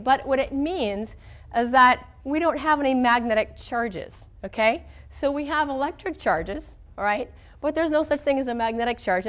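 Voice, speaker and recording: An American woman giving an informal physics lecture, her voice weak from a cold, conversational and often checking in with her students. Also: a little high. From southern United States. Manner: conversational, checks in with okay and all right.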